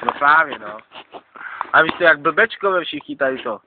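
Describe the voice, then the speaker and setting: A man's voice: a little high, animated. A man, rambling in slangy street talk and tossing in "more", being interviewed outdoors at night on a handheld camera. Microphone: handheld camera mic. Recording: lo-fi noisy handheld camera audio.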